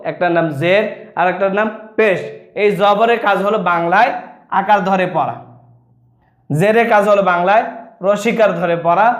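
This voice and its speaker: A man teaches Quran reading, his voice pitched high for a man. He drills letters and syllables in a slow sing-song chant. The room around him rings with echo.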